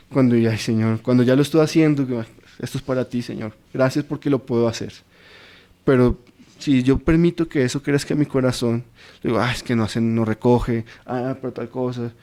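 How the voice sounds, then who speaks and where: Mellow-voiced man teaching scripture. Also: mid-range voice. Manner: informal and anecdotal, acts out everyday quotes. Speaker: bible study teacher. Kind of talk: conversational bible teaching.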